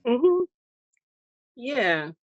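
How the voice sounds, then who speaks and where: An American woman as an interview guest, speaking in a reflective, unhurried way with many pauses and fillers over a video call. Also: a little high, sing-song, no echo, lo-fi sound. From United States. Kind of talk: personal story interview.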